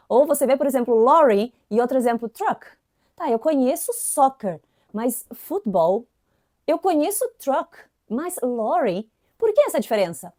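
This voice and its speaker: In a slightly high voice, a young woman with an inland Santa Catarina Brazilian Portuguese accent runs a casual, chatty English class, often ending phrases with "né" and stressing words with lively emphasis. The sound is clean studio quality with no echo.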